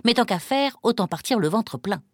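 A woman voicing a cheeky, quick-witted peasant boy with bold replies. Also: mid-range voice, lively intonation, dry recording, studio quality, lightly acted.

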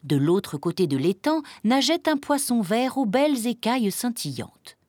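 Woman storyteller, children's book reading, very lively melody, dry close sound. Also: a little high, normal speed, dry recording. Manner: expressive, gentle storybook reading.

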